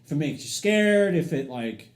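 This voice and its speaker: A man's voice: on the high side, expressive, normal speed. A man co-hosting a podcast, chatting casually about movies and agreeing a lot. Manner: easygoing, frequent "yeah, yeah" agreement. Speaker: podcast co-host.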